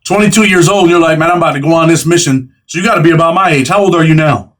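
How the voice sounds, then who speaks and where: A man in his forties hosts a casual interview, talking fast and conversationally with streetwise slang. His voice is a little high and a bit bright.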